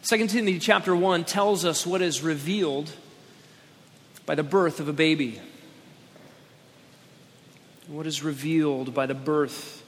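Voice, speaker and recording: Male pastor at a pulpit microphone, slightly high voice, emphatic sermon delivery, long church reverb. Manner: emphatic, slowing down on key words.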